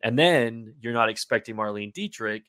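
A man's voice: medium pitch, expressive, moderate pace, a bit bright, clear, resonant tone, no echo, clean studio sound. A man talking as a podcast guest in casual chat, eager and talkative, often restarting his sentences. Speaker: podcast guest, film reviewer.

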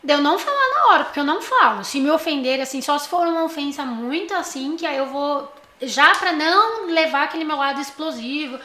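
A talkative young Brazilian woman with a high voice, chatting animatedly as a podcast co-host. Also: brisk, hardly any pauses, reverberant. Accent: Brazilian Portuguese. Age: young adult. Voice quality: high-pitched voice. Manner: talkative, animated, laughs often. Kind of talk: casual chat.

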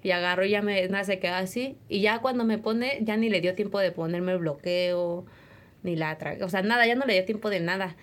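A young Mexican woman with a Mexican accent, quietly and candidly telling her own story in an interview, with many fillers. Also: mid-range voice, brisk. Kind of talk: personal testimony.

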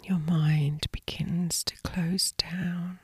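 A woman narrating a scripted sleep story as a guided meditation, in a breathy, hushed, soothing whisper. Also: lowish voice, little pitch movement, drawn-out words, no echo.

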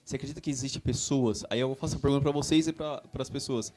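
A man's voice: mid-range voice, steady tone, fast, a little mellow. A man co-hosting a casual religious talk, hesitant and restarting his points. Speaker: podcast co-host.

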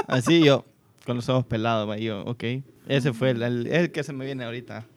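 A man with a Honduran accent telling a story in a casual chat, animated and acting out the quotes. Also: medium pitch, a little fast, no room sound. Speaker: podcast co-host.

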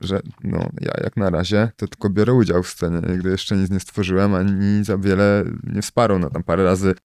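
Deep, smooth-voiced man chatting loosely. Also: steady tone, moderate pace, a little mellow, no echo, clean studio sound. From Poland. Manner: loose, rambling, with many fillers and tag questions. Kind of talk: casual podcast conversation.

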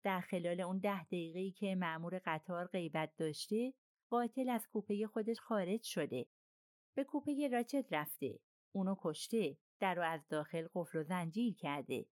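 A woman voicing a calm male detective who lays out how a crime happened in a measured, explaining way. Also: fairly low pitch, no echo, clean studio sound, natural voice. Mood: reasoning.

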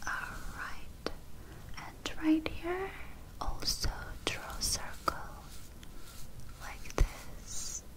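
A woman doing a whispered role-play as a dental hygienist, speaking in a gentle, reassuring, soothing manner to a patient. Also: very high voice, flat delivery, drawn-out words, long pauses, poor audio.

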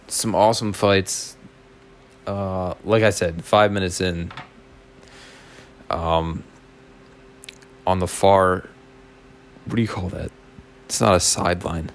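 A man with a raspy, hoarse smoker's voice chatting casually as a solo podcast host, laid-back, slangy and sweary. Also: on the low side. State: hoarse after a night out.

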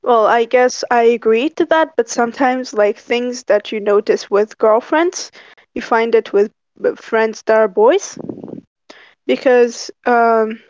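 A young woman from Algeria, talking frankly and pausing to find words in a casual discussion. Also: on the high side, a little mellow, no echo. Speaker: discussion participant. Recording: dry, muffled lo-fi call audio.

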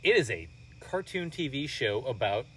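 A man co-hosting a casual podcast chat with friends, emphatic and quick to laugh, recorded outdoors by a pool. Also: medium pitch, very animated, pushed and bright, husky, far from the mic. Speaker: podcast co-host.

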